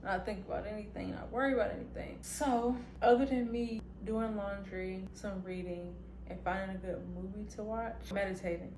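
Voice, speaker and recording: A woman's voice: mid-range voice, steady tone, normal speed, hardly any pauses, background noise. A woman chatting casually to viewers as a vlogger, recorded at home. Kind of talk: casual vlog chat. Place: indoors at home, echoey apartment room. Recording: roomy echo, music behind.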